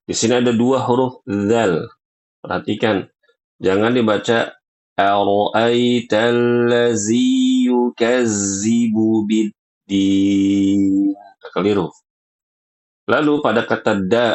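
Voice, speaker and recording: A male recitation teacher speaks in a low, measured voice. He corrects mistakes calmly and stretches each example word out carefully. His pace stays unhurried throughout. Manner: patient, corrective, models words slowly. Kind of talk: recitation lesson.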